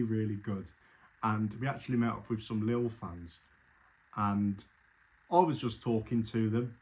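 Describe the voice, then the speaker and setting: Chatty man recalling a match trip. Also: medium pitch. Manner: chatty, rambling, with frequent restarts. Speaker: football fan telling his story. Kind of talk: casual spoken recollection.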